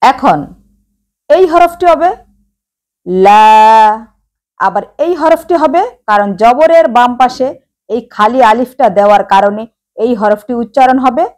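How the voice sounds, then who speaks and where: A woman's voice: sits high, moderate pace, a little mellow. A woman teaching Quran reading, addressing viewers directly and sounding out letters one by one. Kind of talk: slow instructional explanation.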